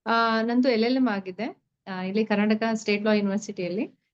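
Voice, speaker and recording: A young woman teaching reiki, giving an earnest, halting introduction to a free online class and pausing often to find her words. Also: mid-range voice, fairly even intonation. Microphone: online call audio. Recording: dull lo-fi online call audio.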